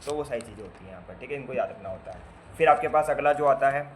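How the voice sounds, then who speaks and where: A fast, expressive man with a mid-range voice walks nursing students through basic medical terms in a relaxed lecture. He spells out each word part, repeats it, and quizzes the class with playful asides. A little hiss or hum is present.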